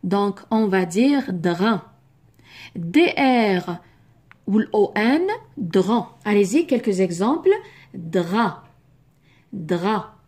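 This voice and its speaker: A woman teaching French pronunciation, repeating each syllable slowly and clearly in a drilled lesson. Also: medium pitch, expressive, darkish tone.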